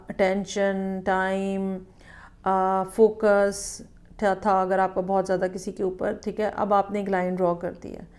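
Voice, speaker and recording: A woman giving a weekly tarot horoscope reading in a measured, explanatory way, often checking in with the listener. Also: mid-range voice, a little mellow. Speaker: tarot reader.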